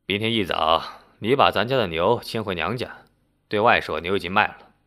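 A man's voice: deep voice, moderate pace, bright, forceful tone, pitched below the performer's own voice. A man storyteller voicing a scheming, bullying village husband who mocks and barks when angry. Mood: sly. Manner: mocking, barking when angry.

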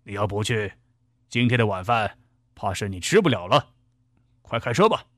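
A menacing male robber holding a knife, voiced by a man, speaking low and cold. His threats come out in a lively, dry-sounding delivery. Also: moderate pace, no echo, natural voice.

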